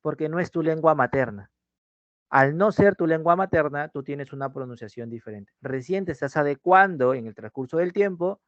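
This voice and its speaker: A man's voice: on the high side, no room sound. A man giving an online pre-university language class, often repeating his key phrases and checking in with "¿sí?". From Peru. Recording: dull, dry lo-fi mic sound.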